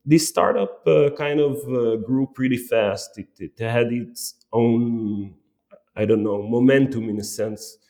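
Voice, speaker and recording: A man speaks as a guest in an interview, telling the story of his career. He halts and restarts phrases often, at an ordinary pitch. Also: slow, mellow. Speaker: company CMO, guest.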